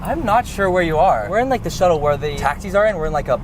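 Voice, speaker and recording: A man's voice: high voice, animated, fast, noisy background. A young man, an influencer, narrating his vlog and chatting in a playful, joking way. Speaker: influencer vlogger. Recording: background music under voice.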